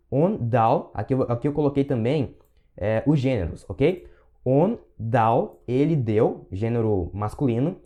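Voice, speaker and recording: A man teaching a language lesson, patiently repeating words slowly for learners. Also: medium pitch, dark tone. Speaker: Russian teacher.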